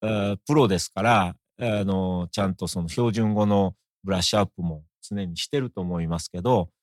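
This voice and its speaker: Middle-aged Osaka-accented man, interview guest, lowish voice, dry close mic. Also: brisk, no echo. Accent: Osaka Japanese. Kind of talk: conversational interview.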